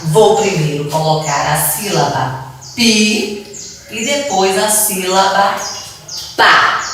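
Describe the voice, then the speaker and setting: A woman teaching with a Brazilian Portuguese accent, explaining slowly and patiently, drawing out syllables and repeating words. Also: mid-range voice. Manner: drawn-out syllables, patient repetition. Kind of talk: slow, deliberate classroom explanation. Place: classroom. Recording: echoey room, mic far off.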